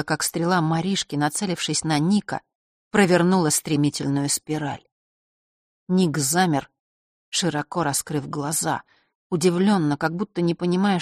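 A woman reading a fantasy novel aloud in a steady, expressive way. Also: fairly low pitch, no room sound, studio quality. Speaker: audiobook narrator. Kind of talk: scripted fantasy narration.

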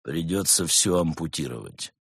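A man voicing a stern, grim monk who speaks low and quietly menacing. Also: animated, normal speed, vocal fry, slightly rough, no room sound, studio quality, heavily acted. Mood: dry.

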